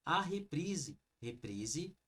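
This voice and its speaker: A man's voice: fairly high pitch, extremely slow. A man with a Brazilian Portuguese accent teaching an online exam review lesson, explaining each answer step by step and talking straight to the viewers. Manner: lively, explains step by step, addresses viewers as "gente".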